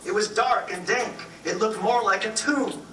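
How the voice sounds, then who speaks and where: Slow, high-voiced man narrating in rhyme. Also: a bit bright. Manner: wry, rhyming delivery. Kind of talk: rhyming storytelling. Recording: echoey room, distant mic, music behind.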